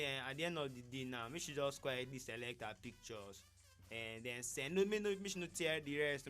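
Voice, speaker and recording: A male panellist with a Nigerian accent talks in Nigerian Pidgin. His pitch is average and his style is casual, offering opinions as in a chat. Some music is audible underneath. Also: pushed and bright. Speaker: radio panellist.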